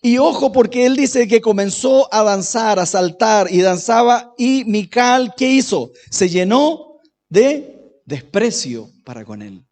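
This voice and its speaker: A man's voice: high voice, animated, slow pace. A man preaching a sermon as pastor, chatty, often turning questions to the congregation. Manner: conversational, asks the congregation questions, varies loudness. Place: church. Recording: echoey church hall.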